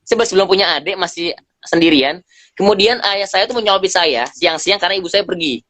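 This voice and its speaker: Animated man telling stories, dry sound. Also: high-pitched, a little fast, dry recording. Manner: animated storyteller, acts out dialogue, slangy. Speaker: guest speaker. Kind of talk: casual live-stream chat. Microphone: phone on a live video stream.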